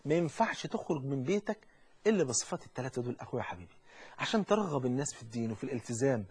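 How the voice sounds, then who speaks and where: A man with an Egyptian accent preaching a lively colloquial sermon, speaking straight to the listener and acting out the people he quotes. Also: mid-range voice, very fast, breathy edge. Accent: Egyptian Arabic. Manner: animated, addresses listener directly, acts out quoted speech.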